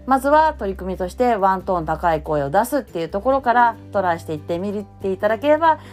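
Chatty woman with a lively, bouncing voice. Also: mid-range voice, soft background music. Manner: cheerful, chatty, lots of fillers; deliberately raised, bright speaking tone. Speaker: voice blogger. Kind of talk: casual spoken advice.

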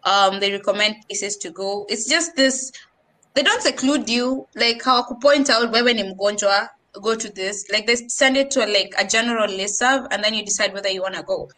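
Speaking at a normal speed in a mid-range voice that sounds pushed and bright, a young Kenyan woman chats animatedly on a casual podcast. Her Kenyan accent comes through as she slips between English and Swahili slang.

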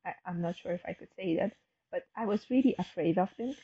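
A woman's voice: lowish voice, quick pace, mellow, slightly rough. Hesitant woman, muffled audio. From Afghanistan. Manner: hesitant, many fillers and restarts. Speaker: guest. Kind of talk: casual interview talk.

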